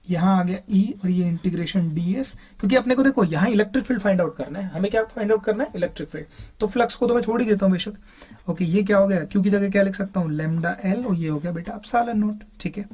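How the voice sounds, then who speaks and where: A man's voice: sits high, a little mellow, slightly rough. A man teaching a physics class, asking his students questions and then answering them himself. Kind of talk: classroom lecture.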